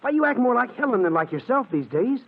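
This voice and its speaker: A flustered, devoted young husband stammering earnestly in a 1940s radio drama. His slightly raised, husky voice swings lively up and down. The sound is thin and tinny, like an old broadcast. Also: very high voice, quick pace, full character voice.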